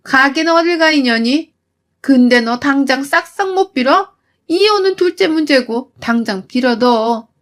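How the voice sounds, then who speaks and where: A woman doing a shrill, scolding old mother-in-law. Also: lively intonation, measured pace, fairly bright tone, heavily acted. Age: older. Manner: shrieking, insulting, cutting.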